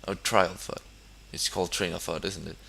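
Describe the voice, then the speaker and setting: This gamer, a young man from Denmark, has a low, gravelly, husky voice that is bright and forceful, with a level tone and moderate pace. He comments casually on a building game in Danish-accented English, his second language, hesitating with many fillers and restarts.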